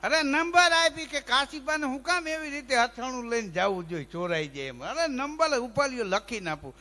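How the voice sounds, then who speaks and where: A man's voice: very high voice, normal speed. A man, telling folk comic stories and acting out lisping characters. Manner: lively joke-telling with sung bits and acted lisping voices. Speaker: folk comedian. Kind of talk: dayro comic storytelling.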